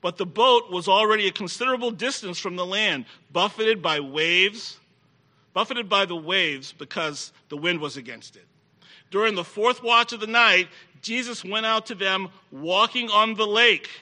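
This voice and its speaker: A man's voice: high voice, moderate pace, sharp tone. A middle-aged man preaching a sermon to a live congregation, emphatic and repeating key phrases for effect.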